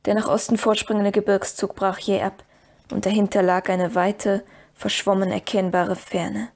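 A woman narrates a fantasy audiobook in a calm, measured reading voice. Her pitch sits in an ordinary middle range. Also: creaky. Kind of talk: scripted storybook narration.

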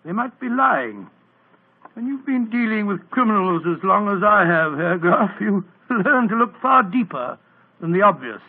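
An actor playing a bluff, kindly older English doctor who blusters and stammers, in an old radio drama. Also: male voice, sits high, sing-song, measured pace, slightly rough, full character voice. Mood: questioning. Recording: tinny 1940s radio broadcast.

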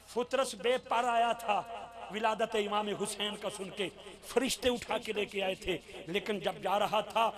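A man with a very high voice gives a devotional address at a live religious gathering. He shifts between quiet storytelling and loud, shouted chanting, and a crowd can be clearly heard behind him. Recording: live event with crowd noise.

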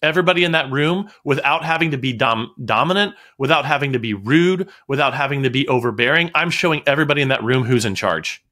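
Man, bright voice, podcast guest, chatty storyteller, wanders off topic. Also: mid-range voice, animated, fast, hardly any pauses. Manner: storytelling, digresses and laughs. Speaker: guest, music studio owner. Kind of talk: casual podcast conversation.

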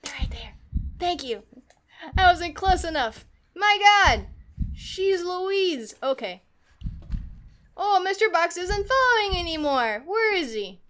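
A woman's voice: very high-pitched, big pitch swings, slow, fairly bright tone. A young woman casually playing a horror game, reading its text aloud and cursing when the controls frustrate her. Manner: chatty, swears when frustrated. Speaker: gaming video creator. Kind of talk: casual let's-play commentary.

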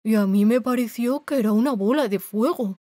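A woman voicing a cowardly lion who speaks slowly and low in an audiobook. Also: warm tone, dry recording, studio quality, close to an everyday voice. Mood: meek. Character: cowardly lion, big but meek.

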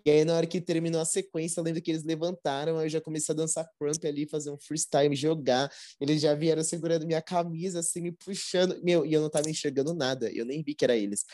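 A young man from Brazil with a Brazilian accent, a dancer telling stories as a guest in a casual interview, relaxed and slangy with many fillers. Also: fairly high pitch, fast talker, few pauses. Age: young adult. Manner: relaxed slangy talk full of fillers like "tipo" and "assim".

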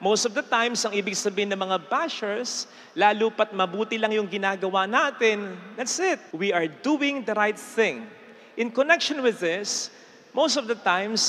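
Filipino priest preaching, highish voice, long church echo, slows down on the big lines. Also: male voice. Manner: mixes English phrases in, slows to stress key lines; animated, gesturing with raised arm. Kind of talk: homily. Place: large church sanctuary before an altar. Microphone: handheld mic.

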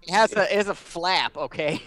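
A woman's voice: fairly low pitch, a little fast, fairly bright tone, dry recording. A woman streaming a game with friends, chatting casually and urging the others on. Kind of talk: casual gaming chat.

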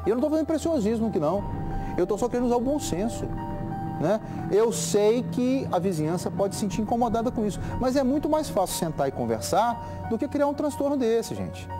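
Male news host, forties, Minas Gerais accent, animated colloquial studio commentary, music bed loud. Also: very high-pitched, fairly quick. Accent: Minas Gerais Brazilian. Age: 40s. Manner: emphatic, colloquial, appealing to viewers. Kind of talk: informal opinionated studio commentary.

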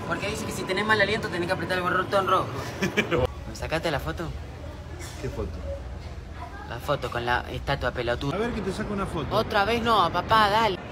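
A man's voice: high voice, fairly even intonation, a little fast. A man with an Argentine accent, exasperated, playing both a son and his father in a comedy sketch. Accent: Argentine Spanish. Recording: outdoors with street crowd noise.

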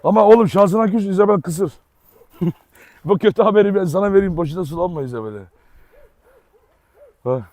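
A man hosting a casual outdoor vlog with his dogs, chatting and now and then shouting commands at them in a yard. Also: high-pitched, expressive, brisk, long pauses, no room sound. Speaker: dog owner and channel host.

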